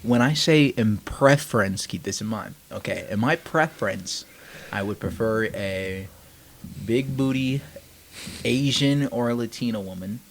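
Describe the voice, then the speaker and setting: A man's voice: fairly low pitch, unhurried, gravelly. A man co-hosting a podcast, laughing and joking through casual banter. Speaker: podcast co-host. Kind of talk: casual chat.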